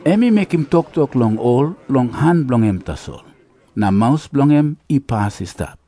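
A man's voice: medium pitch, lively intonation, unhurried, mellow, dry recording. A man with a Papua New Guinean accent narrating scripture as a story in Papua New Guinean Pidgin.

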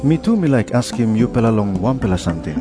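A man's voice: mid-range voice, big pitch swings, fast talker, over music, close to an everyday voice. A man with a Papua New Guinean accent playing an earnest, authoritative religious teacher who instructs and admonishes in a scripture drama. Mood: firm, challenging. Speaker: voice actor in dramatised scripture reading. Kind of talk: dramatised scripture reading in Tok Pisin.

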